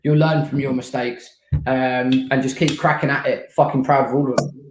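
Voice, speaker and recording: A man's voice: medium pitch, flat delivery, normal speed, reverberant, noisy background. A man co-hosting a casual debrief of an airsoft event, talking in a sweary, teasing, laddish way.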